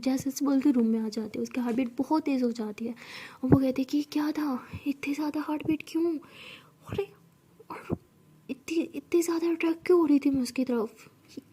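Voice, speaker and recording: A woman's voice: high voice, mellow. A woman narrating a story and voicing the characters' lines herself in a conversational way. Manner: conversational retelling with voiced lines. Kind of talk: narrated story with acted dialogue.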